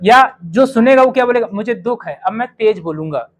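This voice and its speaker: A man's voice: very high voice, expressive, low-quality recording. Man teaching spoken English to students. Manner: says English model sentences slowly and clearly, then quizzes students; asks students rhetorical questions. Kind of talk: classroom-style spoken English lesson.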